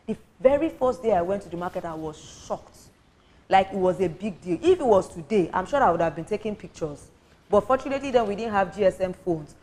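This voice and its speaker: On a studio talk show panel, a woman from Nigeria who campaigns for women lays out her opinions earnestly in a Nigerian accent, going back over points to stress them. Her mid-range voice is mellow and expressive, moving fairly quickly.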